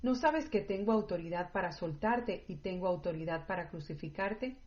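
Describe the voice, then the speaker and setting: A woman reading the lines of a wary, questioning male Roman governor in her own measured voice, on dull lo-fi audio. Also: fairly low pitch, lively intonation, a little mellow, close to an everyday voice. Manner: read plainly in the narrator's own measured voice.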